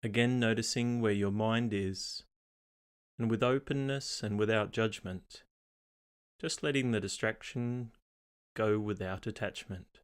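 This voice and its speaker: A man reads a scripted guided meditation in a fairly low-pitched voice with a clear, resonant tone. He keeps a calm, unhurried, measured pace and pauses between phrases.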